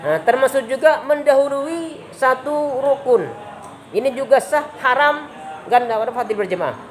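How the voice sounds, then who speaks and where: A woman's voice: high voice, normal speed. A woman teaching a religious lesson at a boarding school, explaining by demonstration and often quizzing her students. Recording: crowd noise behind the voice.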